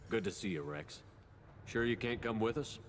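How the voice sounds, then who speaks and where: A man playing a steady, composed military commander in a video game, speaking in a measured, direct way. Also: fairly low pitch, a little hiss or hum, natural voice. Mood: calm, inquiring. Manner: measured, matter-of-fact. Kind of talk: scripted video game dialogue. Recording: long reverb, faint game ambience.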